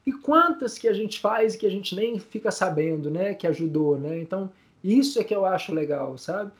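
A man speaks in a fairly high voice, telling stories to an interviewer. He sounds tearful and choked up. He stumbles, repeats words and fills his pauses as his voice breaks. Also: lively intonation. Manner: many fillers, repeats words. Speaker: guest, community news group founder. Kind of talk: emotional storytelling in interview.

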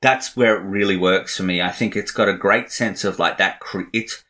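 Here a podcast co-host with a low-pitched, sharp-toned voice talks movies casually at normal speed. His opinions wander, and he leans on plenty of fillers.

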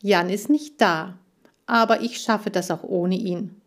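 A woman's voice: medium pitch, steady tone, unhurried, natural voice. A practical girl detective in an audiobook, read by a woman. She speaks firmly and matter-of-factly, taking charge. The voice stays close to the reader's own. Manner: firm, matter-of-fact. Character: level-headed girl detective, firm and practical.

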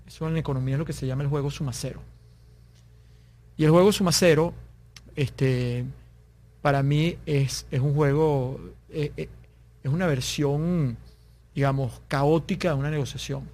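A man with a somewhat high voice talks through business advice as an interview guest. He explains earnestly and voices short back-and-forth exchanges as examples. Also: a little mellow. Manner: explains with examples, acting out little dialogues. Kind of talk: conversational interview.

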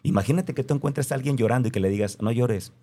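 A man's voice: mid-range voice, racing, mellow. A man with a Mexican accent speaking earnestly in a reflective conversation, stressing his points by repeating them.

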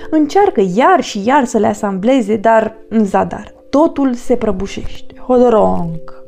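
A woman narrating a children's storybook in an expressive, lively way. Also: fairly high pitch, gravelly. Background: soft music.

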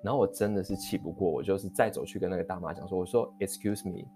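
Animated low-voiced man telling a story. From Taiwan. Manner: animated, heated retelling of an anecdote; quick, rambling with many restarts. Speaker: vlogger. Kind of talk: storytelling vlog. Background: faint guitar music.

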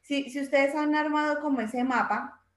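A woman co-hosting a relaxed conversation show. Her voice sits a little higher than most women's, and she talks in a reflective way, working through her own examples. The recording carries a roomy echo. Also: normal speed. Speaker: podcast co-host. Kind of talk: casual conversation.

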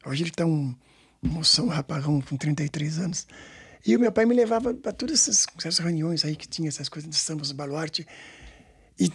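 A man in his sixties from Brazil with a São Paulo Portuguese accent, a samba school director telling stories in a rambling way with many repeats and tag questions. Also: fairly high pitch. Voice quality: gravelly and husky. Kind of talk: storytelling interview.

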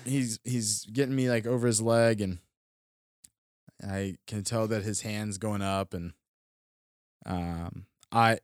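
Deep-voiced young man rambling through a story. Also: steady tone, slow pace, pauses often, no room sound, clean studio sound. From Florida, US. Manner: rambling, full of fillers and restarts. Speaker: podcast co-host. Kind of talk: casual storytelling. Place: studio.

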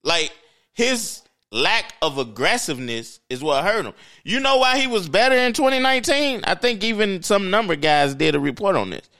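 A man's voice: high-pitched, animated, moderate pace, pushed and bright. A man co-hosting a sports podcast, arguing bluntly and dismissively in casual, profane talk. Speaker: podcast co-host. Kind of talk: heated casual sports debate.

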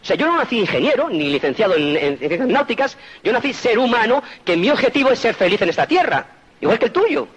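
A man's voice: extremely high pitch, very animated, quick pace, husky. A middle-aged man from Spain giving an emphatic motivational testimony to an audience, repeating points and checking that listeners follow. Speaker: speaker at a business meeting. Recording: dull lo-fi recording.

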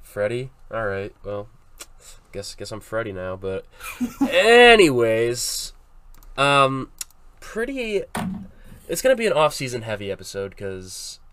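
A man's voice: lowish voice, very animated, unhurried, pushed and bright, a little hiss or hum. Young man from Massachusetts, rambling sports talk. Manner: rambling, many fillers and restarts. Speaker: podcast host. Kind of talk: casual sports chat.

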